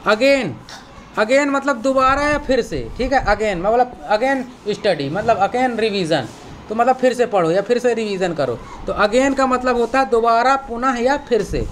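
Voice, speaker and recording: A man's voice: extremely high pitch, measured pace, fairly bright tone, slight background noise. Patient man teaching vocabulary. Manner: patient, repeats words and checks understanding; spells words out letter by letter. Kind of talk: vocabulary lesson for children.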